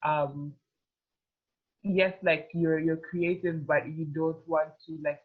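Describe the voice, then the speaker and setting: Slow and low-pitched, with fairly even intonation, this woman is a Ugandan fashion model in her twenties. She rambles as a guest in a casual interview, relying heavily on "like," and her voice comes through tinny phone-like audio.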